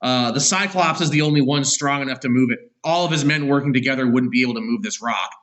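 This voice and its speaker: A man's voice: mid-range voice, quick pace, a bit bright. A man teaching an online class, retelling a story in an unscripted way with frequent "uh" and "um" fillers and self-corrections.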